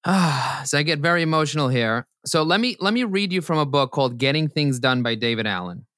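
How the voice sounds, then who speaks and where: A man's voice: a little high, a little fast, no room sound, studio quality. Emphatic motivational man on a podcast. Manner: emphatic, motivational, builds to animated preaching. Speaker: podcast guest. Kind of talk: podcast interview. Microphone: podcast microphone.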